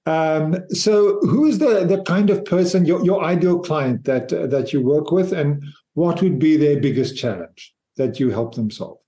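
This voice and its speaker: A man's voice: a little high, lively intonation, a little slow, warm tone. A man hosting an interview podcast, reading a scripted introduction and then asking questions in a friendly way with hesitant fillers. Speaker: podcast host. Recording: echoey room with music under.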